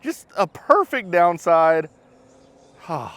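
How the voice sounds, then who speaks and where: A man doing casual outdoor vlog commentary about RC cars, excited, exclaiming and laughing as he drives. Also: high-pitched, very slow, dry recording. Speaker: RC car vlogger.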